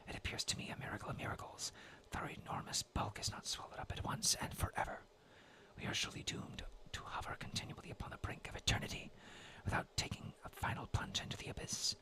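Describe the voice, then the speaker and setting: A man's voice: lowish voice, vocal fry, sharp tone. Whispering young man reading old prose. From New England. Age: 20s. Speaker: storyteller. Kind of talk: whispered role-play.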